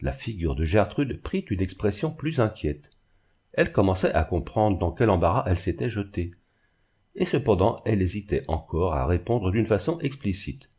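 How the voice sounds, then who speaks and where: A man narrating a classic novel in an expressive, dramatic reading. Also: low voice, moderate pace, breathy edge. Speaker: audiobook narrator. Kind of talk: literary reading.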